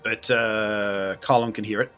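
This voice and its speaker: A man's voice: on the low side, steady tone, unhurried, music in the background. A man chatting casually as a player in a tabletop role-playing game.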